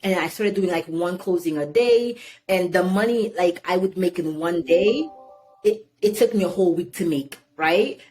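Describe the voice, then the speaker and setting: A Haiti-born woman in her thirties tells stories animatedly as a guest in a casual interview, leaning heavily on "you know." Her lowish voice moves at a normal speed, with soft music in the background and a rough recording quality.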